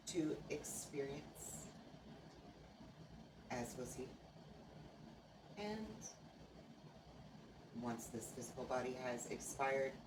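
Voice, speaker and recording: Very low-voiced woman channeling as seance medium. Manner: formal, stilted, oracular phrasing with halting pauses. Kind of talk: seance medium channeling, answering questions in trance. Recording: noisy, echoey room, far from microphone.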